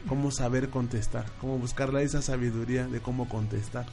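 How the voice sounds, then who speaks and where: A man hosting a faith talk show, reading out viewer questions with many halting restarts. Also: mid-range voice, flat delivery, creaky, dark tone, soft background music.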